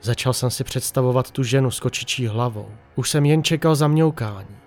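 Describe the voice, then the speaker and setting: A man narrating a horror story in a tense, hushed storytelling manner. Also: mid-range voice, faint music behind.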